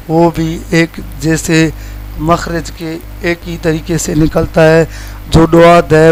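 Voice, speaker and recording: A man from Pakistan teaching Quran letter pronunciation in a plain explaining tone, stretching each letter slowly as a model sound. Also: on the high side, darkish tone, rough recording.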